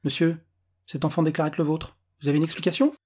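Reader doing a dry, worn-out policewoman, husky, storybook. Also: a little high, flat delivery, fast, darkish tone. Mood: questioning. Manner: dry, matter-of-fact. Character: weary, curt female police officer.

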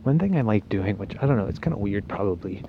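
Man, low voice, swollen-cheeked after wisdom teeth, laid-back rambling, hesitant, very noisy outdoor phone recording, dull sound. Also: expressive, fast talker, vocal fry. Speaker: solo podcast host. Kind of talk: casual rambling walk-and-talk monologue. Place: outdoors walking on a residential street. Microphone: handheld phone.

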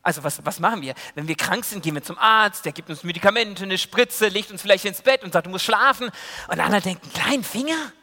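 A preacher telling a Bible story to children in a lively way, going from loud to hushed. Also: male voice, high-pitched, fast, few pauses, long reverb tail. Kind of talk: sermon told as a children's story. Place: church.

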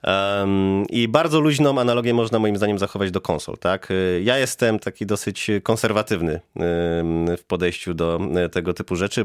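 Male podcast guest, lowish voice, hesitant and reflective, dry sound. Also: dry recording. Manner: thoughtful, hesitant with many fillers. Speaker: guest, head of DevOps. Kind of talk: podcast interview answers.

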